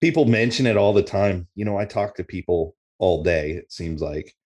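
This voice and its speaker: A man with a low voice chats casually as a guest on a podcast. He comes across as easygoing and encouraging in how he talks. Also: normal speed, darkish tone, breathy edge. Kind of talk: casual chat.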